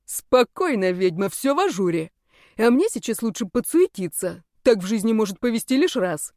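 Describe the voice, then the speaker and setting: A woman's voice: fairly high pitch, very animated, normal speed, darkish tone, no echo. Brash teasing young male naga student, read by a woman, dry close audiobook sound.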